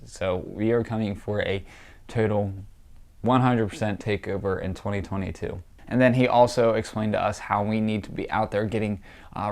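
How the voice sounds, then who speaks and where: A young man with a fairly low, gravelly and slightly mellow voice delivers casual political commentary. Congested and nasal with a stuffy nose from allergies, he sounds opinionated and scornful, using many fillers.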